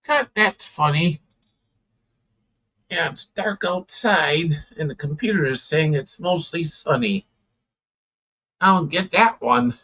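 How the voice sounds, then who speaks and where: A man hosting a casual live stream, tired and sleepy, talking slowly with lots of "yeah" fillers. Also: on the high side, dull audio. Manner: slow, relaxed, many "yeah" fillers, tired and yawning.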